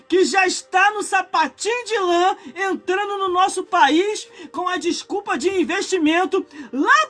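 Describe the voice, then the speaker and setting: Fervent, high-voiced Brazilian preacher in his forties. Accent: Brazilian Portuguese. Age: 40s. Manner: impassioned preaching that swells into shouts, broken by chatty asides to viewers. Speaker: pastor. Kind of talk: live-streamed sermon.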